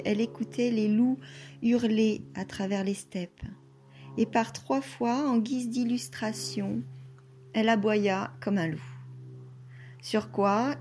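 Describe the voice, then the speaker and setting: Slow, measured woman reading a novel. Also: on the high side, darkish tone. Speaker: audiobook reader. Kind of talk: scripted literary narration.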